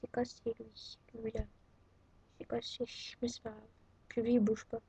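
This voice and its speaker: Her voice sits on the high side with a flat delivery and moderate pace as this French teen shows off her crafts indoors at home. The casual show-and-tell is chatty, hesitant and thick with fillers. Background noise, including a faint vacuum, fills the dull lo-fi webcam recording.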